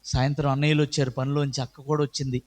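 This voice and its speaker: A middle-aged man giving an earnest personal testimony at church, his voice swelling loud and high at moving moments. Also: little pitch movement, racing. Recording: echoey hall with long reverb.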